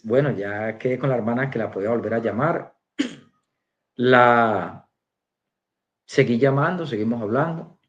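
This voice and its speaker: A man giving a spoken personal testimony as a church member, telling his story and acting out the dialogue. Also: medium pitch.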